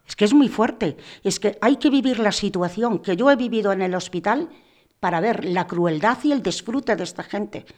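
A woman's voice: mid-range voice, animated, normal speed, darkish tone. Indignant middle-aged woman giving testimony. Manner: indignant, rising to anguished outbursts, acts out dialogue. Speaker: mother of a prisoner who died, guest speaker. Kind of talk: emotional personal testimony in a talk show.

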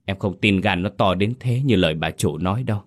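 A man's voice: deep voice, brisk. Story voice: man playing timid young servant, stammering, scared. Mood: scared pleading. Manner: stammering, whispering. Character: timid young male servant, frightened and pitying.

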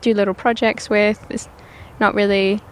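A woman's voice: medium pitch, level tone, moderate pace. A woman from Perth with a Scottish accent, a writer guest in casual chat, hesitant and self-deprecating. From Perth, Australia.

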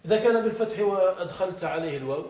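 A man's voice: high-pitched, animated, very fast. A man teaching Arabic grammar in a classroom lesson, explaining step by step and often asking his students whether they follow. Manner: explanatory, checks understanding with repeated questions. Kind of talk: classroom lesson on verb morphology. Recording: echoey, dull lo-fi classroom recording with faint hiss.

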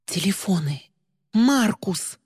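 An audiobook reader voicing an emotional, impulsive teenage girl who speaks up excitedly. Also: mid-range voice, moderate pace, husky, in a large hall, close to an everyday voice. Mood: excitable.

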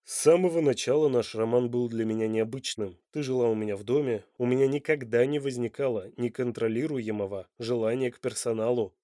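A man's voice: mid-range voice, a little fast, hardly any pauses, mellow, dry recording, clean studio sound, natural voice. A man playing a blunt, passionate, demanding Italian lover in an audiobook. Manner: blunt and insistent.

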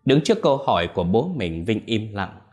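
A man tells a ghost story in a low voice, his pitch moving in lively, expressive swings. Faint music plays beneath his narration. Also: brisk.

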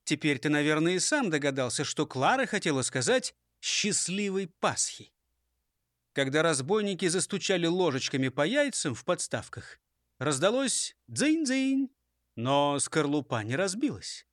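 A man narrating a children's audiobook in an expressive storytelling manner. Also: a little high, normal speed, dry recording, studio quality.

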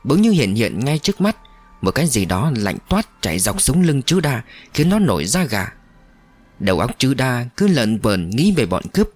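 A man narrating an audiobook story in an expressive, dramatic reading. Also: mid-range voice, moderate pace, dry recording, faint music behind.

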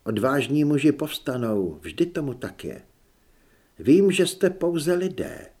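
A male audiobook narrator voicing a bold, cunning young high priestess who speaks in a calm, persuasive way. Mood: scheming. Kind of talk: audiobook character reading.

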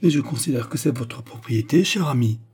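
A man voicing an anxious, pleading aristocratic lady in a storybook reading, his voice husky. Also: medium pitch, lively intonation, fairly quick, darkish tone, voice pushed up.

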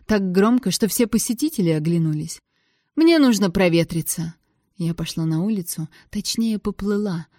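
A woman reads a first-person audiobook with measured, expressive storytelling. Her voice sits low and mellow. The recording is close and dry. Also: no echo. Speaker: audiobook narrator.

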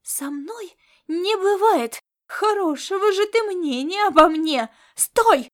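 A woman reading an audiobook and voicing a female alien star cat crewmate who scolds and shouts. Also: very high-pitched, expressive, slow pace, voice pushed up, heavily acted. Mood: furious. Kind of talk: audiobook character voice.

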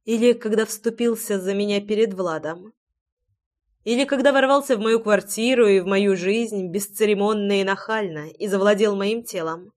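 A woman's voice: medium pitch, moderate pace, a little mellow. A woman reading a first-person romance audiobook in an intimate, reflective way. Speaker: audiobook narrator.

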